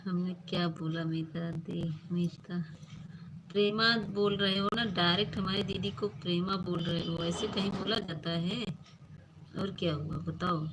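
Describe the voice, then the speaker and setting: A woman hosts a casual live stream on her phone, greeting viewers by name, teasingly scolding them and reading comments as she chats. Her pitch is fairly low, her tone steady and her pace measured, with background noise behind her.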